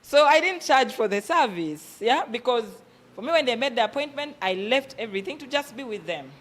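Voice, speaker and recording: Her fairly high, expressive voice is brisk and fairly bright, over slight background noise. As a business workshop presenter with a Ugandan accent, she delivers a motivational talk emphatically and instructively, regularly asking rhetorical questions and answering them.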